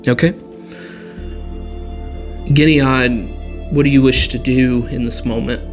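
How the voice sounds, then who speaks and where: A man narrating a tabletop game as dungeon master in a slow, deliberate storytelling manner. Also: mid-range voice, fairly even intonation, soft background music.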